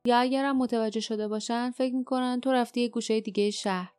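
A woman's voice: a little high, fairly even intonation, a little mellow, smooth, no echo, soft background music, natural voice. A woman reading a determined, earnest teenage boy hero in an audiobook, speaking with urgency.

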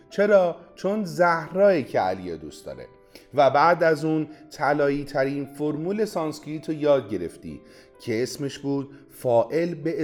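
A man's voice: medium pitch, darkish tone. Guy teaching a podcast lesson, bouncy melodic voice, drilling you and cheering you on. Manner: coaching, drills the listener with prompts and praise. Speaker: language teacher.

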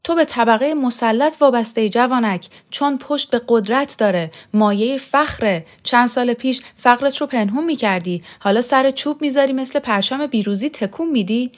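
A proud, wounded old woman who hurls her words out high and loud, defiant and bitter, as a woman storyteller puts her on. Her speech comes in shrill, indignant bursts from a storybook reading. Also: few pauses, close to an everyday voice. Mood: bitter, anguished.

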